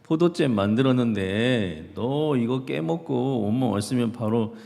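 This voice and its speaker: A man voicing an angry mother who scolds her young son with sharp questions, in a reverberant church hall. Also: medium pitch, expressive, a little slow, gravelly. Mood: scolding.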